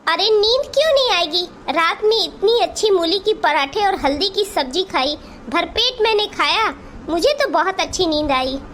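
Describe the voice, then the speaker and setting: A woman voicing a kindly older aunt in a Hindi cartoon, gentle and consoling. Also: very high-pitched, expressive, normal speed, slight background noise. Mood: cheerful.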